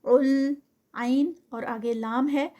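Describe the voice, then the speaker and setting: Woman, high voice, tajweed lesson, slow stretched recitation then quick explanation. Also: fairly even intonation, warm tone, lo-fi sound. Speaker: Quran tajweed teacher.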